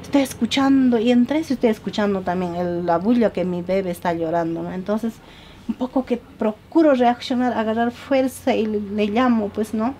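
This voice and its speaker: A woman from Peru, giving a halting, earnest documentary testimony with many repetitions. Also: medium pitch, warm tone, slight background noise. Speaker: interviewee.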